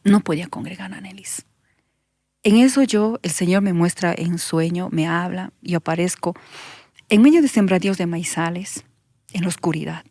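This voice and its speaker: A woman pastor, giving an earnest testimony that sinks into soft whispers when she recalls her prayers. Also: on the low side, normal speed, dry recording. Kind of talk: emotional testimony in conversation.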